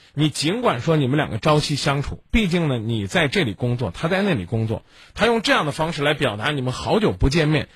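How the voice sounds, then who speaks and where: Brief: husky male radio advice host, blunt and lecturing, very lively delivery, dry sound. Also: on the high side, no room sound. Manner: blunt, lecturing, rhetorical questions.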